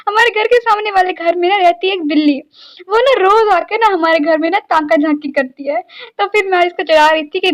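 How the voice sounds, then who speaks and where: A young woman, narrating her day in a chatty, rambling vlog full of little fillers. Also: extremely high pitch. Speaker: vlogger. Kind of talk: casual daily-life vlog narration.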